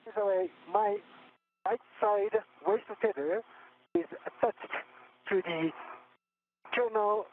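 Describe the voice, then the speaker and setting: A man working through a spacewalk, calling out steps in a steady, checklist-like way over a breaking-up space-to-ground radio link. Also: high voice. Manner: steady, checklist-like, halting at times. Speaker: astronaut on a spacewalk. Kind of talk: procedural radio calls. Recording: narrow, noisy, distant radio link.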